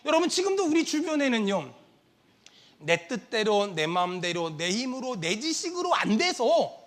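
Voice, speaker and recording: Male pastor preaching a sermon, fervent and rhythmic; high-pitched voice that swings from loud to soft. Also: big pitch swings, normal speed. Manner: impassioned, rhythmic repetition of phrases; swings between loud outbursts and soft low asides.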